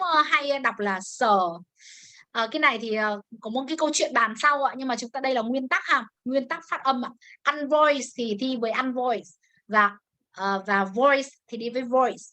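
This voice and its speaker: High bright teacher woman. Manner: mixes Vietnamese and English, drills words slowly. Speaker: English teacher. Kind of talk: online grammar class.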